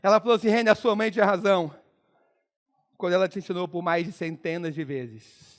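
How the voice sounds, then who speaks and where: Dramatic high-voiced Brazilian motivational speaker. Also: male voice, fairly quick. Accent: Brazilian Portuguese. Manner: acts out dialogue, swings from hushed to shouting. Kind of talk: motivational storytelling speech.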